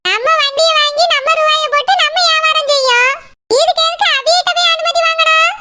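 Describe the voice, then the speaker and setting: A woman with a Tirunelveli Tamil accent voicing an older village mother who gently coaxes and chides in a cartoon. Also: extremely high pitch, fairly even intonation, fairly quick, very noisy. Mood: soothing. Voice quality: coaxing, gently chiding. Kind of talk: cartoon voice acting.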